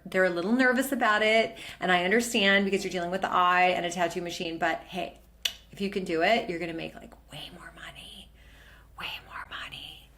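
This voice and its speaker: A woman's voice: mid-range voice, pushed and bright. A middle-aged woman teaching a permanent makeup training lesson, presenting her work over slides in an enthusiastic, chatty way with frequent fillers.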